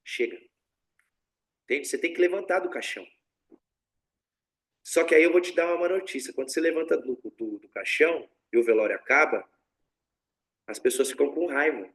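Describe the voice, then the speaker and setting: A man's voice: fairly high pitch, brisk, pauses often. A man teaching tantra in a casual spiritual talk, blunt and slangy, often swearing and acting out what other people say. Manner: blunt, slangy and profane, animated, acts out quoted voices.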